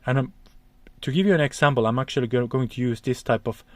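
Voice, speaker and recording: Speaking fast in a medium-pitched voice with no room sound, this Finnish-accented man teaches vocal technique. He explains acoustics in a careful, hesitant way, hunting for the right words.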